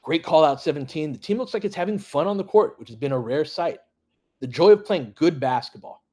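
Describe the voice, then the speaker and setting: Brisk and warm-toned, a former high school basketball coach hosts a live stream at a fairly high pitch with lively intonation. He mixes casual play-by-play with conversational, opinionated commentary laced with swearing, reacting like a partisan fan to the plays and the chat.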